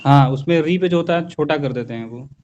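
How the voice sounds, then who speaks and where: A man's voice: on the high side, a little fast, darkish tone. A man joining an online class, mostly giving short agreeing replies and brief comments. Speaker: co-participant in the class.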